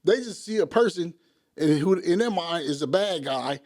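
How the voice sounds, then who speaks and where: A man's voice: on the high side, normal speed. A man telling stories in casual podcast chat, acting out the people he quotes. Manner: animated, acts out quoted people.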